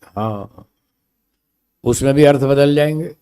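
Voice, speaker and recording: Mellow-voiced male philosophy teacher. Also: mid-range voice, smooth. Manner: explains by slow spoken examples, asks listeners to confirm; stresses single words to show meaning. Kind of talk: spoken lecture to a class.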